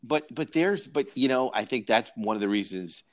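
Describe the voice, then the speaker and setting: A man's voice: medium pitch, lively intonation, normal speed. A man co-hosting a casual film discussion, rambling with lots of restarts and repeated words. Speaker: podcast co-host.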